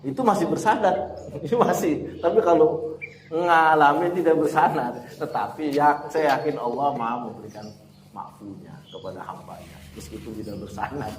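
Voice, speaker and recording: A man's voice: on the high side, moderate pace, a little hiss or hum. A man teaching a Quran lesson in an informal classroom way, chatty and often laughing as he answers students. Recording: echoey room with faint ambience.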